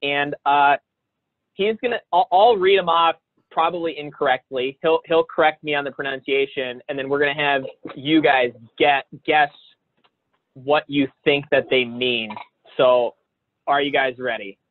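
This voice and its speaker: A man's voice: on the high side, unhurried, dry recording. A man hosting a casual chat show, joking and laughing as he rambles. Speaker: host. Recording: dry, tinny phone-like sound.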